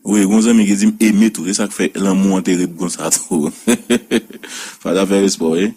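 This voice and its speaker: A man with a Haitian accent hosting a radio show, giving opinionated commentary with emphatic, drawn-out repetitions. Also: sits low, fairly even intonation, mellow, breathy edge. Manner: emphatic, sing-song stresses, drawn-out repetitions.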